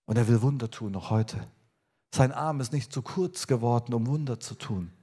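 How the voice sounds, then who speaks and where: A man preaching a sermon to his congregation, earnest and personal, swinging between emphatic lines and quiet ones. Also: mid-range voice, normal speed, husky. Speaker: pastor.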